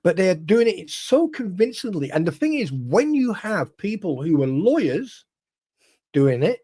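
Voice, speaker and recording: Male host, fired-up livestream talker who restarts often, slightly high voice. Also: sing-song, a little slow, mellow, slightly rough. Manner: emphatic, swears, many restarts. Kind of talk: casual livestream chat.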